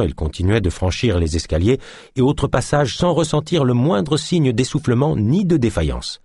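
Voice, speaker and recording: A male audiobook narrator reads a thriller in a steady, measured way. His voice is low and husky, recorded dry and close. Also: no echo. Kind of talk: scripted narration of a thriller novel.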